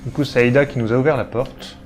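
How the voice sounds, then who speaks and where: Casting: a male gamer with a mid-pitched voice, casually talking through his playthrough over game music. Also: fairly even intonation, quick pace. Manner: thinking aloud. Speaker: let's player. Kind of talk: casual gameplay commentary.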